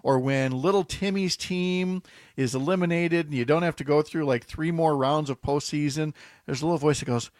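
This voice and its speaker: A man's voice: on the high side, normal speed, a little mellow, no echo, clean studio sound. A man hosting a morning radio talk show, chatting casually and jokingly with many fillers and restarts.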